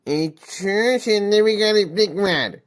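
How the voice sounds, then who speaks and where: A man's voice: sits high, takes it slowly. A man performing a playful improvised comedy skit, questioning in a domineering way. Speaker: streamer doing impressions in a comedy skit.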